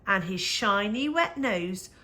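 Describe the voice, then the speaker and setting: A rhyming picture book is read aloud to young children by a woman whose voice sits in the mid range. The reading is measured and expressive, punctuated by dramatic emphasis.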